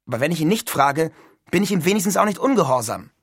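A man reading an audiobook and voicing an impulsive, enthusiastic teenage boy, speaking loudly and emphatically in a husky voice. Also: fairly high pitch, very animated, fast talker, no echo, clean studio sound, voice pushed up, heavily acted. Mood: insistent. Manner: loud and emphatic, swept up in enthusiasm. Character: eager excited teenage boy, impulsive dreamer.

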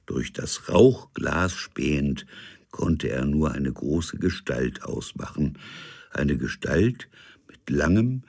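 A man narrating a comic storybook dramatically, dropping into hushed whispers. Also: rumbling low, takes it slowly, creaky, slightly rough, no room sound, clean studio sound.

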